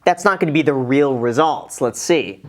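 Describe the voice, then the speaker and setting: A man's voice: mid-range voice, normal speed. A man hosting his own show and reacting to a video in a chatty, self-deprecating way. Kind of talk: casual reaction commentary.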